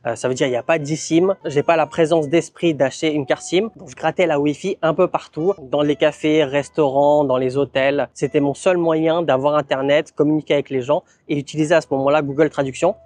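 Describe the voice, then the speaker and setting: A man narrating a casual vlog in a relaxed, chatty way, often dropping in fillers and tag words. His voice sits a little high for a man. The sound is dry and close. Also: fairly quick, hardly any pauses, no room sound. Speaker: vlogger.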